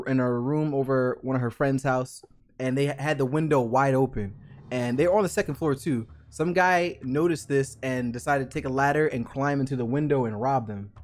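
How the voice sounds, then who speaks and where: A young vlogger with a medium-pitched voice tells a personal story to camera, casual and animated. He acts out the scenes and fills his speech with fillers.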